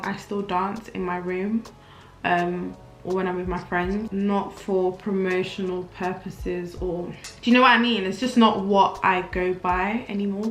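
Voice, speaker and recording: Getting ready at a mirror in her home, a woman in her 20s from Nigeria with a British accent keeps up a casual, candid vlog chat with self-mocking asides. Her voice sits in the mid-range, and the space sounds roomy.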